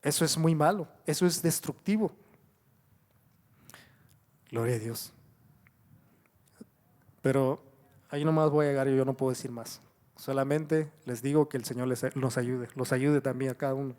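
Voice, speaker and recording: A middle-aged man with a medium-pitched, darkish voice preaches a church sermon at a moderate pace, leaving long pauses. His exhortation is repetitive and peppered with "gloria a Dios," and he calls the congregation brothers and asks them rhetorical questions.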